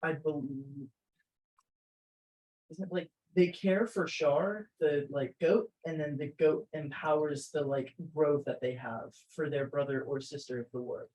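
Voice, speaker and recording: A man's voice: on the high side, fairly even intonation, measured pace, darkish tone, rough recording. A man playing in a livestreamed tabletop game, chatting casually and tentatively with many hedges. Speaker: player. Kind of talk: casual chat during a tabletop game stream.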